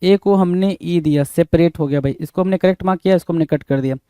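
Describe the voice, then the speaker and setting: A man's voice: a little high, fast talker, warm tone, clean tone, no room sound. Man spelling words out letter by letter. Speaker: teacher. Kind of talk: exam-prep spelling lesson.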